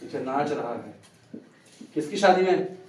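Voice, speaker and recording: A man's voice: fairly high pitch, animated, a little slow, darkish tone, soft background music. A male English grammar teacher quizzing his class and repeating their answers back. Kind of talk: classroom teaching in call-and-response. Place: classroom with students. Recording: echoey classroom from far off.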